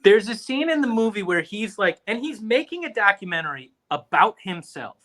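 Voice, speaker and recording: A man's voice: sits high, normal speed, crowd noise. A man co-hosting a podcast, telling stories in casual chat and mimicking the people he talks about. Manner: animated storytelling, quoting people in mock voices. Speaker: podcast co-host.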